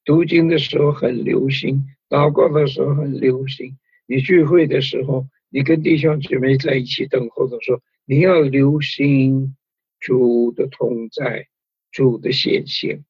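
A man's voice: medium pitch, steady tone, a little slow, breathy edge, dry recording. A man preaching a conversational sermon, full of fillers and tag particles. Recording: dull lo-fi recording.

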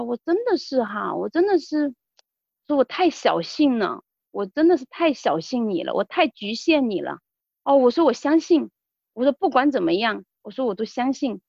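A woman giving an earnest personal testimony, halting often and restarting her words. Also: fairly high pitch, creaky, darkish tone, dry recording, lo-fi sound. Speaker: testimony giver.

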